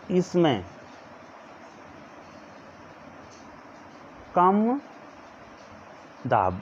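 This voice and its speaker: A man teaching a physics lesson to students, slowly dictating notes and pointing at a diagram as he explains. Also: on the high side, warm tone. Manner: calls students "children" in nearly every line, repeats words slowly for dictation. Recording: dull lo-fi sound with faint background noise.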